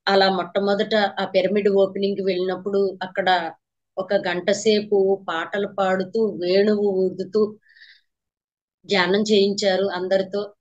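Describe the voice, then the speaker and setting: A woman's voice: mid-range voice, level tone, measured pace. A woman meditation teacher giving a spiritual talk to a class, telling her story earnestly and repeating phrases for emphasis. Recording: slightly dull lo-fi recording.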